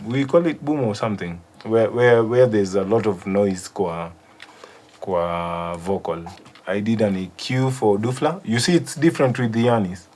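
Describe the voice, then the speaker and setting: A man's voice: lowish voice, moderate pace, darkish tone. A man with a Kenyan accent giving a casual studio walkthrough as a music producer, switching between languages. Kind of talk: casual studio walkthrough mixing English and Swahili.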